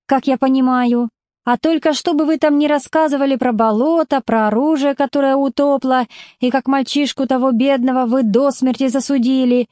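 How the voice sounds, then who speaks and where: A woman's voice: fairly high pitch, warm tone, no room sound, studio quality, close to an everyday voice. A woman voicing a plainspoken working-class mother, blunt, stubborn and speaking in homely folk speech, in a storybook reading.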